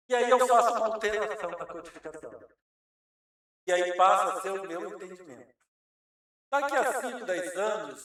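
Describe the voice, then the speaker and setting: A man's voice: high voice, a bit bright. A man with a Brazilian Portuguese accent giving a Spiritist lecture to an audience, explaining patiently and posing rhetorical questions he then answers. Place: lecture hall. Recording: very echoey hall, mic far off.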